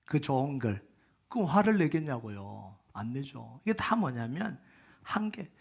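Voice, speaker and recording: A man preaching a sermon as pastor, asking the congregation questions and swinging from soft low asides to loud emphatic peaks. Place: church sanctuary.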